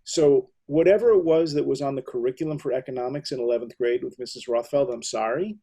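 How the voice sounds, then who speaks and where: A man's voice: mid-range voice, quick pace, mellow. A middle-aged American man hosting an interview, telling rambling, enthusiastic stories. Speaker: host. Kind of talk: casual interview talk.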